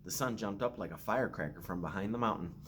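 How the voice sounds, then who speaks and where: A school principal with a fairly low voice reads a children's picture book to his pupils, talking fast and in simple terms with an expressive storyteller's flair. The home-video recording carries some noise.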